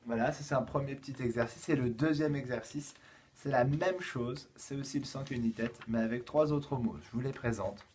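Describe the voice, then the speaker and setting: A man with a French accent, a kindergarten teacher giving a slow, patient home-schooling lesson to young children. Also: medium pitch, darkish tone, a little hiss or hum.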